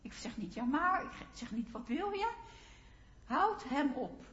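A woman's voice: high-pitched, very animated, measured pace, fairly bright tone, full character voice. A woman preacher voicing Ruth, a young widow, telling her own story in first person during a first-person sermon monologue. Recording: roomy, slightly dull sound.

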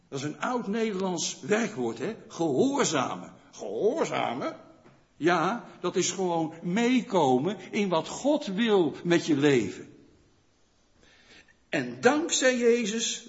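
A man preaching a sermon in a conversational way, often asking the congregation questions and checking in with a quick "yes?". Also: on the high side. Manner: rhetorical questions to the listeners. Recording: long church reverb, dull lo-fi sound.

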